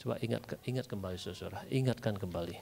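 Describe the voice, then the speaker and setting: A man's voice: lowish voice, quick pace, dark tone, slight background noise. A man preaching a Sunday sermon in church, telling a personal story with strong feeling and mixing in English phrases. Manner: emotional personal testimony, mixing in English phrases, clears throat often.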